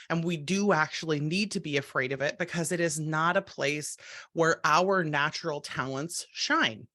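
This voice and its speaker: A woman hosting a podcast, coaching writers in a casual, reassuring talk full of quick asides. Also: low-pitched, fairly bright tone, dry recording, studio quality. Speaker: podcast host and writing coach. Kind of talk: casual teaching monologue.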